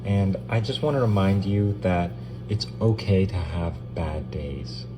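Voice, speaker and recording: A woman doing a disguised deep voice as a gentle, reassuring dad, giving soft, comforting advice in a short video. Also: unhurried. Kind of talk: short social media video monologue. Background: music.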